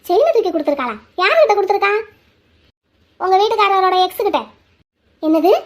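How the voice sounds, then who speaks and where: Brief: a woman playing an accusing cartoon wife, high and fast, suspicious. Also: lively intonation. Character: jealous young cartoon wife, suspicious and sharp.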